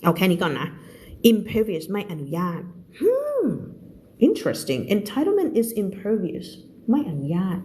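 Slow-reading Thai-accented woman teacher. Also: medium pitch, wildly swooping pitch, a little mellow. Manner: reads English lines slowly, explains quickly in Thai, laughs often. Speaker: English teacher. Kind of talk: live-streamed reading lesson.

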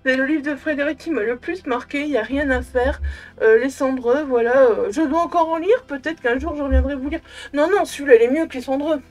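A young woman with a high voice talks casually to camera in a room at home. She is effusive but halting, often doubling back to repeat a word or phrase. Faint music sits behind her voice. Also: a little mellow. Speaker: book vlogger. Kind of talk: casual chat, book review to camera. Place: small room at home with bookshelves.

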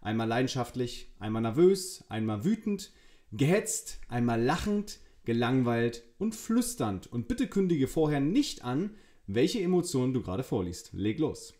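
A man's voice: mid-range voice, sing-song, unhurried, warm tone. A man hosting a demo video, enthusiastically giving spoken commands and commenting on the results. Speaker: host. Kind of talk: tech demo presentation.

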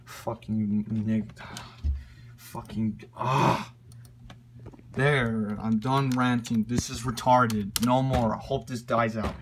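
A man's voice: medium pitch, steady tone, takes it slowly, noisy background. A man in a profane comedic rant, exasperated and mock-outraged, swearing often. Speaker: online video ranter.

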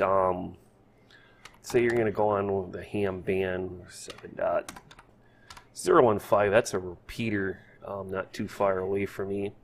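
A fairly low-pitched male voice, with a little hiss or hum in the audio, hosts a casual hobby tutorial over a screen. The hobbyist instructor thinks out loud in a hesitant, homespun way.

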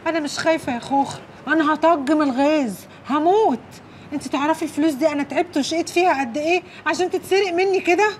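An actress playing a young Egyptian servant woman who was betrayed, given to wailing laments and sharp scolding, in a TV drama with a music score. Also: high-pitched, quick pace, a little hiss or hum, natural voice. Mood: fretful, chatty.

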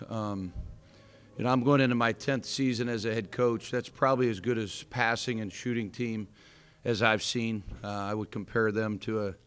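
A fairly low, slightly bright man's voice with a clear, resonant tone. He's an American head basketball coach in his thirties, speaking candidly at a postgame press conference with lots of fillers and restarts. He sits in an indoor press room before a sponsor backdrop, picked up by a table microphone in front of him.

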